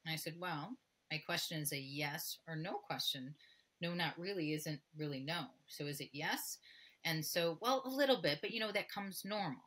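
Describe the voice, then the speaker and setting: Deep, husky and fairly bright, this middle-aged woman's voice stays animated at a normal speed. She's a pelvic floor physical therapist guesting on a podcast via video call from indoors, speaking frankly and frequently performing bits of dialogue.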